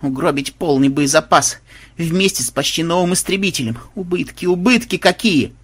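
A man voicing a sharp, sarcastic young woman speaking over the radio in an audiobook. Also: on the high side, animated, moderate pace, husky, voice pushed up. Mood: upset. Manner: dry sarcastic remarks. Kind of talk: audiobook voice acting.

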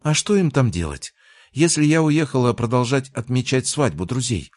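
A playful, stubborn young woman in an audiobook, voiced by a male narrator. The delivery is lively and swings widely in pitch over a low base. The sound is dry and close. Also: moderate pace, dry recording. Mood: pleading. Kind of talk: audiobook character reading.

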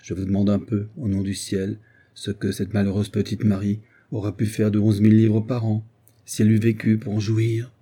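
A man's voice: fairly low pitch, completely flat delivery, normal speed, dark tone, lightly acted. A man voicing a smug, wealthy male heir who boasts in a declamatory way. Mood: boastful.

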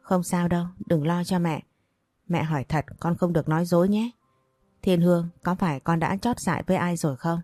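A worried mother, stern yet loving, pleads and questions her daughter urgently, as a woman reads her in an audiobook. The voice is low and warm, and the recording is dry and close. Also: steady tone, brisk, dry recording, close to an everyday voice. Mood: worried, pressing.

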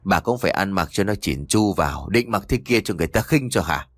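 A gruff, grumbling village husband with a scheming streak in an audio storybook, as a male narrator puts him on. His voice sits low and swings with feeling. The sound is dry and close. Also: lively intonation, a little fast, no echo.

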